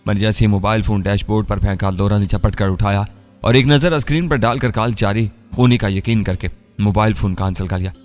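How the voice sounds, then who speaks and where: A man reading a novel aloud as narrator, in a steady, measured storytelling manner. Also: on the low side, big-room sound, soft background music. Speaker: audiobook narrator.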